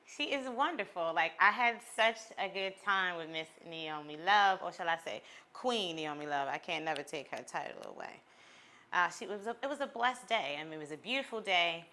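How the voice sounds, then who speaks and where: A woman's voice: mid-range voice, sharp tone. A woman hosting a show, chatting in a casual, upbeat way and laughing easily. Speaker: show host. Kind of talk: casual interview chat.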